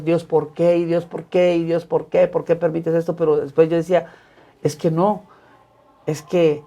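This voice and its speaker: Un hombre religioso católico que cuenta su testimonio de fe en una entrevista, de manera sincera y con repeticiones enfáticas. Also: male voice, fairly high pitch, warm tone. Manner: earnest, emphatic repetitions. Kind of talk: personal faith testimony in conversation.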